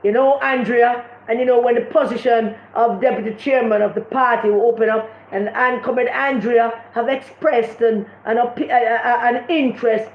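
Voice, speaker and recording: A woman's voice: a little high, steady tone, moderate pace, hardly any pauses, roomy sound, lo-fi sound. A Jamaican woman giving impassioned political commentary on a livestream, often repeating words as she searches for what to say.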